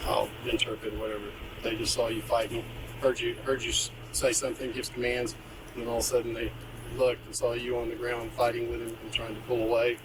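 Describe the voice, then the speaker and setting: Police officer over loud street noise. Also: male voice, medium pitch, level tone. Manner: brisk, matter-of-fact questioning. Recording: bodycam outdoors, loud noise.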